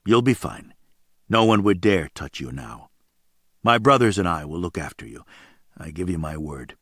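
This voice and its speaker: A man's voice: low voice, animated, normal speed, a bit bright, husky, dry recording, studio quality, voice pushed down, exaggerated voice. A man voicing a hard, protective male biker with a blunt, cold manner. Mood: gruff.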